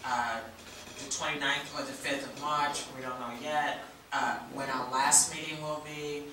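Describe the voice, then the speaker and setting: Halting man in an echoey hall. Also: mid-range voice, flat delivery, pushed and bright. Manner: halting, with many filler words. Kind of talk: public meeting remarks. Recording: echoey hall, distant mic, noise.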